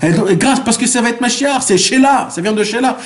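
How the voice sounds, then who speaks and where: A rabbi with a high-pitched male voice gives a Torah class. He keeps asking rhetorical questions and answering them, repeating phrases to drive each point home and weaving Hebrew terms into his teaching. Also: brisk.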